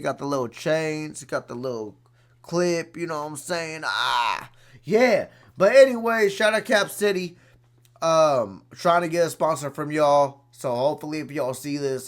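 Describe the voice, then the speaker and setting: A man ranting profanely to his livestream chat, swinging from shouted outbursts to low muttering and repeating himself. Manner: repetitive, talks straight to viewers.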